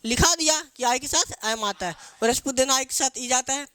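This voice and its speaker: High-voiced man drilling a class. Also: pushed and bright, clean tone. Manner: call-and-response drilling, asks students to repeat each answer; spells and dictates English phrases very slowly. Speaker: English teacher. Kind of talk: classroom grammar lesson. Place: classroom with students.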